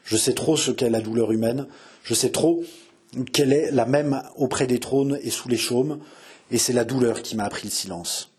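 A man voicing a humble, sorrowful woman who speaks with quiet, calm dignity. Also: mid-range voice, normal speed, slightly rough. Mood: dignified.

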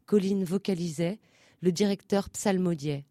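Mellow low-voiced woman reading a story. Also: no room sound, clean studio sound. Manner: measured, rhythmic reading of short phrases. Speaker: audiobook narrator. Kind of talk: scripted literary narration.

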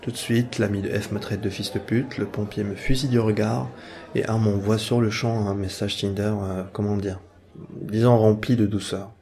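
Wry low-voiced man telling a story. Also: fairly even intonation, dark tone. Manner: casual, wry, fillers and pauses. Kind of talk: first-person spoken story.

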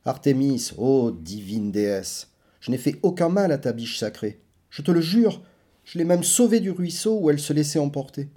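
A man voicing a mighty hero who pleads humbly and flatteringly to a goddess. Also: a little high, moderate pace. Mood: pleading.

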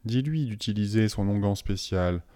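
A man voicing a cold, sinister male deputy headmaster who speaks slowly, softly and with menace. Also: on the low side, no room sound, close to an everyday voice. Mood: menacing. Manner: slow, soft and menacing.

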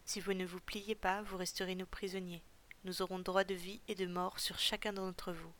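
Storybook villain: a cold, cruel male captor chief, low and flat-toned, as a woman narrator puts him on. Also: normal speed, natural voice. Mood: cold menace. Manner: cold, menacing.

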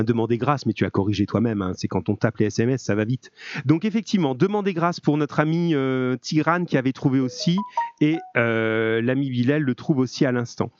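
A man's voice: medium pitch, no echo. Friendly teacher man, dull lo-fi sound. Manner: friendly, informal, encouraging with students. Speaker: middle-school French teacher. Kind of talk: live call-in radio-style lesson.

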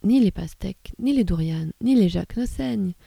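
Woman reading as a soft measured storybook boy, mellow tone. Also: mid-range voice, lively intonation, creaky, slightly rough, dry recording, full character voice. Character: gentle sententious boy.

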